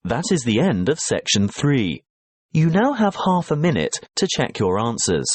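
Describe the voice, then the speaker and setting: A man reading scripted educational narration for a listening test in a measured, instructional way. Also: medium pitch, big pitch swings, husky, dry recording.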